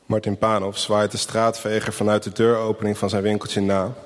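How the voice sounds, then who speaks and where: A man reading a children's Christmas story aloud in a gentle, unhurried way, giving the people in it their own voices. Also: fairly low pitch, level tone, big-room sound. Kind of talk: storybook narration with character voices.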